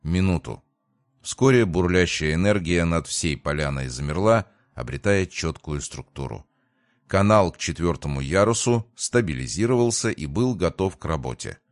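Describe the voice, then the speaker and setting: Male narrator, low and measured, dry studio read, first-person audiobook. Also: expressive, no room sound.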